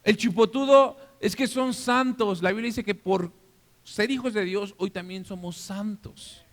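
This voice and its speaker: A man with a Mexican accent preaching a sermon as pastor, animated and interactive, often checking that the congregation is following. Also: high-pitched, a little slow. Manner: animated, acts out scenes for the listeners. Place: church hall. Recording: long reverb of a church hall.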